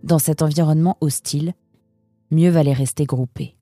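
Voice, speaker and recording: A woman reading a children's novel aloud in a measured, even storytelling manner. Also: deep voice, no room sound, clean studio sound, soft background music. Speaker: narrator. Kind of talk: audiobook narration.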